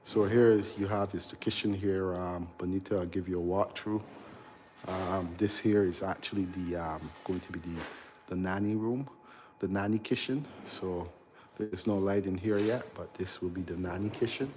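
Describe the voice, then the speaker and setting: There's a faint hum or hiss behind this Barbadian man's low, flat voice as he leads a casual live-stream walkthrough of an unfinished house's interior. Working as an electrical contractor, he chats in a halting way, reading viewers' comments and replying.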